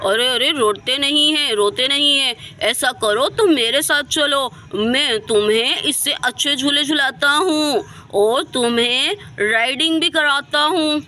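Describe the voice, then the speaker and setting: Brief: woman playing a wheedling storybook villain man, lower voice, bright tone. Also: measured pace, few pauses. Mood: coaxing, sly. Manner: wheedling, coaxing. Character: sly coaxing male villain, adult man.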